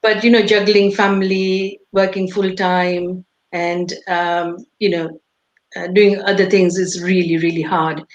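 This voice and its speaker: A woman's voice: lowish voice, level tone, measured pace, reverberant, muffled recording. A middle-aged woman from Tanzania, a singer being interviewed over a video call, talking with many hesitant fillers. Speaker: singer and guest. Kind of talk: interview talk.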